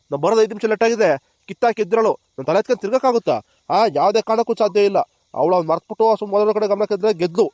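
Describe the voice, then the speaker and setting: A proud, hot-headed village father, voiced by a man in a cartoon comedy. He blusters in fast, fairly high speech. The voice sounds close and dry. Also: a little mellow, dry recording, natural voice. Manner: angry, blustering.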